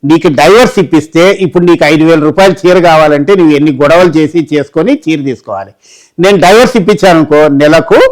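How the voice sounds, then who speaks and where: A man playing a coaxing smooth lawyer. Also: fairly high pitch, close to an everyday voice. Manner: coaxing, explains slowly. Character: smooth-talking persuasive male lawyer.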